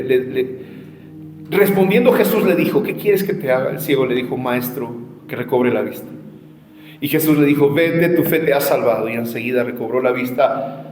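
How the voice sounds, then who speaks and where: A man preaching at an evangelism seminar, passionate, swinging from shouted challenges to quiet storytelling. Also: mid-range voice. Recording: echoey hall with faint music.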